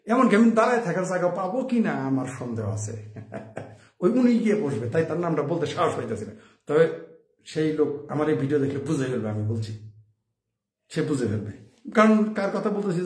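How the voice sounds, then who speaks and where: A man's voice: on the high side, expressive, a little fast. A man delivering an opinionated commentary monologue, firing off rhetorical questions. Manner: rhetorical questions, chuckles at own points. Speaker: political commentator. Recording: roomy, echoey room sound.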